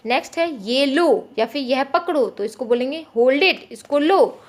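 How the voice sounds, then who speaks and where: A woman's voice: sits high, animated, normal speed. A woman giving a friendly, explanatory home tutorial for parents, acting out little phrases said to a child. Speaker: parenting teacher. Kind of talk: informal Hindi tutorial.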